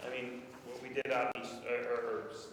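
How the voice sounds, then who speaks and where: A man's voice: medium pitch, monotone, moderate pace, fairly bright tone. Council guy chatting easy, super echoey room, hiss behind. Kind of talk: public meeting discussion. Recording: echoey council chamber, distant mic, noisy.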